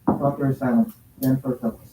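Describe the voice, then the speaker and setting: A man reading stage directions aloud in a classroom, halting and stumbling over words. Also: medium pitch, steady tone, mellow, slight background noise. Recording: echoey classroom from a distance.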